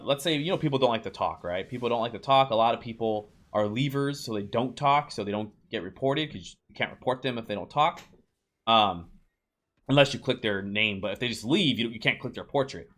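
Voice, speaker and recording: A man with a medium-pitched, fairly bright voice narrates a casual tutorial for a video game. A streamer who makes game guides, he talks loosely to his viewers as "you guys," with lots of ums, uhs and restarts.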